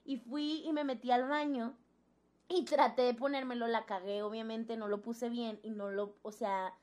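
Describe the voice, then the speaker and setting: Her voice is on the high side and her speed is normal as this young woman with a Mexican accent chats casually about her own experience. She tells it animatedly, voicing the people she quotes.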